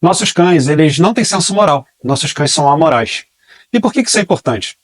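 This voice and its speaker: A man's voice: fairly high pitch, animated, brisk, no room sound. A Brazilian man teaching a dog training class, explaining step by step and asking and answering his own questions. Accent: Brazilian Portuguese. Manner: explanatory, repeats key phrases, asks and answers own questions.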